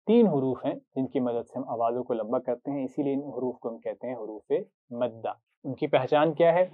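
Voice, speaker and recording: A man teaching a Quran recitation lesson, patiently drilling short syllables for students to repeat, with a Pakistani Urdu accent. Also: mid-range voice. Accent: Urdu-speaking, Pakistani. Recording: tinny phone-like sound.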